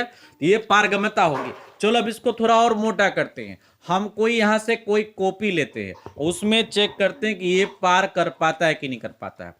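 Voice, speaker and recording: This man's voice sits high and sounds pushed and bright. He teaches physics with a Bihari Hindi accent, lecturing a classroom, demonstrating hands-on, and coaxing the students to repeat terms out loud.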